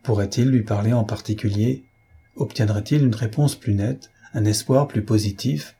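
A man narrating a classic novel as an audiobook, in a measured storytelling manner with a husky voice. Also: fairly low pitch, steady tone, dark tone.

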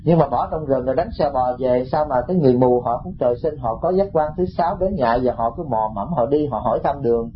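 A man's voice: mid-range voice, fast talker, hardly any pauses, highs cut off, slight background noise. A male Buddhist monk giving a dharma talk, telling stories and addressing the listeners directly. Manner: storytelling, addresses the audience directly.

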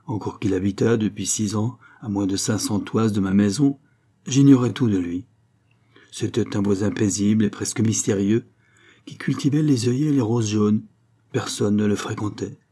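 A man reading a short story aloud as an audiobook narrator, in steady, measured scripted narration. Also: on the low side. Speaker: audiobook reader.

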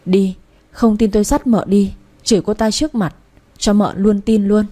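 A woman's voice: mid-range voice, steady tone, moderate pace, warm tone, lightly acted. A woman voicing a young husband who coaxes and insists as he pleads with his wife. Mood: coaxing. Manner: coaxing, insistent.

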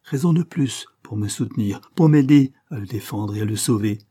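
A man's voice: on the low side, steady tone, moderate pace, mellow, husky. A man voicing a desperate young man accused of theft, speaking in impassioned, pleading outbursts.

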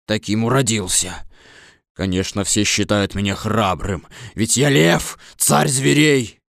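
A huge cowardly lion, as a man acts him out, rumbling in a very low, dark voice. He sounds bashful and sorry for himself, in the manner of a storybook reading. The recording is close and dry. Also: measured pace, gravelly, no room sound. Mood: sheepish. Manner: bashful, self-pitying storybook acting. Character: huge cowardly male lion, timid and tearful. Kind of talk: dramatized audiobook reading.

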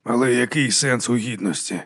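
A man playing a weary old knight, low, slow and measured, for a storybook reading. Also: a bit bright, husky.

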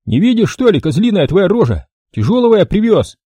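A man voicing a brash, crude prankster sidekick who jokes loudly and mockingly in an audiobook. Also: sits high, very animated, a little fast, breathy edge, no echo, voice pushed up, heavily acted. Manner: mocking, cheeky, loud.

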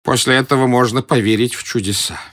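A man's voice: medium pitch, steady tone, quick pace, a bit bright, natural voice. A man playing a timid, pedantic elderly male professor in an audiobook, whining and indignant. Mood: fussy, whiny. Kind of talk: audiobook character voice.

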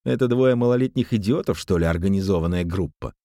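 A man's voice: on the low side, expressive, normal speed, gravelly, a little mellow, dry recording, studio quality. A man voicing a blustering middle-aged male swindler who talks theatrically and throws accusations. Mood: snarling.

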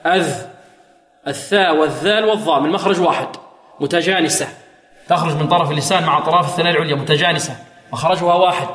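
A man teaching Quran recitation rules, quizzing his students with questions and chanting verses slowly to demonstrate. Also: a little high, a bit bright. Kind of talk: tajweed lesson with chanted recitation. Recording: echoey hall.

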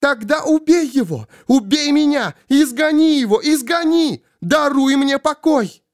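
A man voicing a possessed woman through whom a desperate man's spirit speaks, pleading and screaming in a high strained voice. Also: expressive, normal speed. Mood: frantic. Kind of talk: audiobook character voice.

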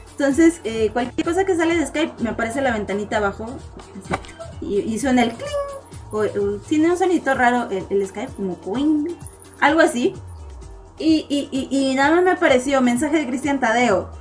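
A woman with a Mexican accent hosting a casual live online chat show, talking with her viewers in a chatty, giggly way and repeating words as she goes. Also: sits high. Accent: Mexican Spanish.

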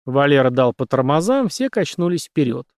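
A man reading an audiobook aloud in an expressive, dramatic manner. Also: a little high, normal speed, no echo, clean studio sound. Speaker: audiobook narrator.

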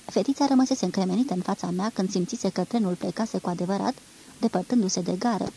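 A woman reading a literary novel aloud in a measured, expressive storytelling manner. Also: mid-range voice, slight background noise, rough recording. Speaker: reader.

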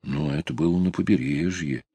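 A man's voice: rumbling low, fairly quick, mellow, slightly rough, no room sound, heavily acted. A man reading an audiobook, voicing a coy, stubborn young woman. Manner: hesitant, teasing.

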